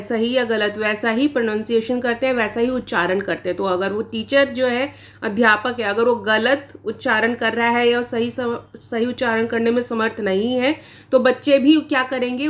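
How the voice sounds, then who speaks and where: A woman teacher giving an exam-prep lecture, explaining points step by step and asking rhetorical questions as she goes. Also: a little high. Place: online class recording.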